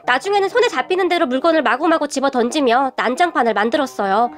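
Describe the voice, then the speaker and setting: High-voiced woman telling a radio story. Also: lively intonation, quick pace. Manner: plain first-person storytelling. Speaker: narrator.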